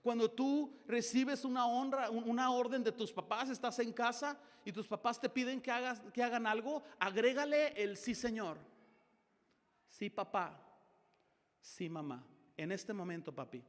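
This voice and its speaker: Pastor, male, middle-aged, Mexican Spanish accent, high voice, sermon that acts out dialogues, long church-hall reverb. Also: moderate pace, few pauses. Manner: dramatic shifts of tone, acting out dialogues.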